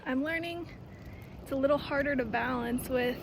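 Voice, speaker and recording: A woman's voice: sits high, normal speed, noisy background. A young woman chatting casually to camera in an upbeat way, filling her talk with "like" and "um". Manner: chatty, upbeat, many "like" and "um" fillers. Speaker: vlogger. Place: at home and later outdoors and in a car.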